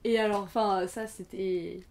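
A woman in her twenties chats in a relaxed way as a guest on a podcast, her pitch in an ordinary middle range. She speaks unhurriedly, linking ideas with fillers and restarts and rarely finishing one sentence before starting another. It's casual conversation.

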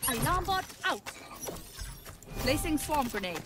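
An actress voicing a brisk female gadget-building game agent, with crisp, clipped callouts. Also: high voice, very animated, background noise.

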